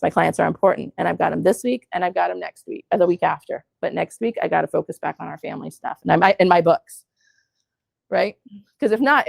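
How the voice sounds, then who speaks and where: A woman's voice: medium pitch, creaky, no room sound. A middle-aged woman from the United States giving a live workshop talk in a classroom, telling stories, quoting people in put-on voices and asking the audience questions. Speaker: workshop presenter.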